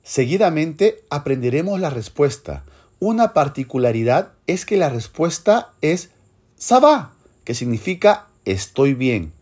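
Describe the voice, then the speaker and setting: A teacher narrating a scripted language lesson, speaking slowly and clearly. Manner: slow, clear instructional delivery with lively pitch.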